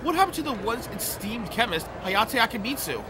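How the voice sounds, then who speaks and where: A voice actor plays a cheeky, good-natured young professor in an audio drama, with first-person narration. His voice is extremely high and sing-song, a little fast, and playful and bantering. The recording is very noisy.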